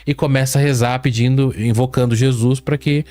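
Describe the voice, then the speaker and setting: A man hosting a podcast, retelling eerie accounts in a casual, animated way and dropping his voice low for the spooky quotes. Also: brisk. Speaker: podcast host. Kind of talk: casual storytelling chat.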